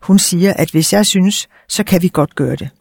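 A man reading a first-person story aloud in a quiet, understated way. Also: sits high, vocal fry, slightly rough, no echo, studio quality.

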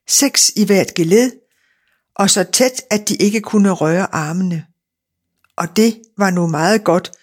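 A narrator reading a fairy tale aloud in a steady, measured storytelling manner. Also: medium pitch.

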